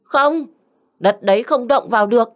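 A woman's voice: fairly high pitch, normal speed, voice pushed up, lightly acted. A woman voicing a stingy older mother-in-law who snaps and scolds in an audiobook. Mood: scolding. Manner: snapping, scolding. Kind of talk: audiobook character voice.

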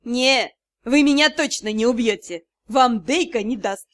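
A woman voicing a brash, cheeky male dragon in an audiobook, loud, teasing and mock-innocent. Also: fairly high pitch, measured pace, close to an everyday voice.

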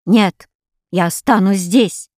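A woman's voice: medium pitch, slow pace, darkish tone, no echo, studio quality. A woman voicing an anguished, defiant young boy in an audiobook, speaking in bitter, pleading outbursts. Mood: stubborn.

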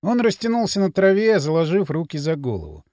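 A man narrating an audiobook in an expressive, dramatic reading. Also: fairly high pitch, fairly quick, no room sound, clean studio sound. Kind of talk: scripted narration.

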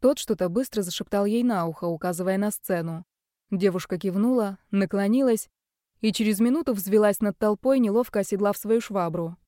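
A woman narrating an audiobook in a steady, expressive reading. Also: medium pitch, brisk, no echo, clean studio sound. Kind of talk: scripted narration.

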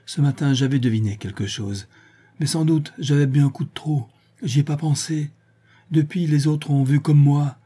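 Breathless tipsy sailor voiced by a man, loud and excited, dark husky voice, audiobook. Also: fairly high pitch, normal speed, pitched above the performer's own voice. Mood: alarmed. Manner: agitated, excited, raised voice.

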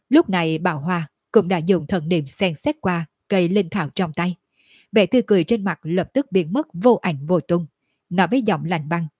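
Husky low-voiced woman narrator. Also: darkish tone, dry recording, studio quality. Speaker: audiobook narrator. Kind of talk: scripted narration of a fantasy novel.

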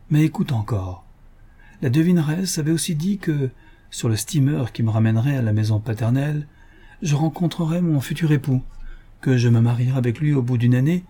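A man voicing a gentle, solemn, dying mother in an audiobook, speaking in a raised pitch. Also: breathy edge. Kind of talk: audiobook character reading.

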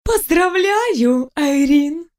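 A woman voicing a playful, ancient female water spirit, a mermaid, speaking in slow, bright, teasing lines. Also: sits high, very animated, voice pushed up, full character voice.

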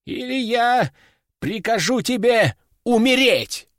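Man voicing a commanding old sorcerer-master, barking orders in a storybook; lively pitch, dry sound. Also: takes it slowly, no echo, exaggerated voice. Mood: stern. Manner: commanding and threatening. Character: stern old male sorcerer teacher, domineering. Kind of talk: audiobook character voice.

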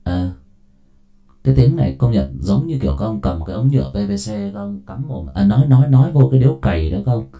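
Man, plastic-tube voice filter, very dark tone, lively swooping pitch. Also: fast, soft background music. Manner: chatty, keeps asking the listeners to agree. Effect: voice filter that sounds like talking into a plastic tube. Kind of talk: casual livestream chat testing voice effects.

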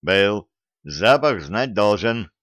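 A man doing a gruff sulky werewolf dog. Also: on the low side, expressive, slow pace, a bit bright, dry recording. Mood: grumbling. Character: grumpy battered male werewolf dog.

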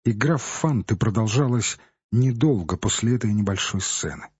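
A man narrating an audiobook in a measured, steady storytelling manner. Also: on the low side, slightly rough, no echo, muffled recording. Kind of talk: scripted narration.

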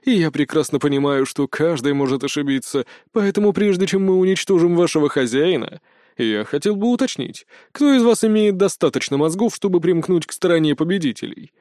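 A man's voice: fairly high pitch, expressive, brisk, a little mellow, no room sound, clean studio sound, lightly acted. A man voicing an arrogant, menacing Norse trickster god who mocks and snarls at his foes. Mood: arrogant mocking. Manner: mocking, snarling.

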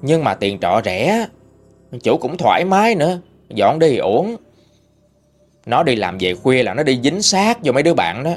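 Lively Southern Vietnamese male storyteller. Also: mid-range voice, normal speed, soft background music. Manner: lively, colloquial, expressive storytelling. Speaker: ghost story narrator. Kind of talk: storytelling narration.

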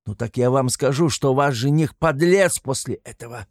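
A man voicing an excitable, tipsy young man who rants passionately in an audiobook reading. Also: medium pitch, moderate pace, dry recording, clean studio sound, lightly acted. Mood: gushing. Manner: ranting, passionate, exclamatory.

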